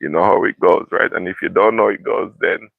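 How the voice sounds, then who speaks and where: A man hosting a casual livestream outdoors, chatting to viewers in an unhurried, repetitive way. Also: sits low, gravelly, dry recording. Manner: unhurried, repeats welcomes and phrases. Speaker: livestream host. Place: outdoors in a yard in the morning. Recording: tinny phone-like sound.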